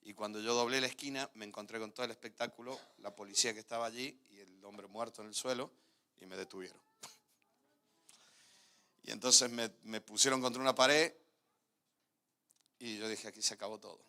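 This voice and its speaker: An Argentine pastor preaching with a bright, forceful voice. He tells a personal testimony as a story, laughing often, dropping quiet and then rising again. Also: mid-range voice, fairly even intonation, moderate pace, pauses often, smooth. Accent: Argentine Spanish.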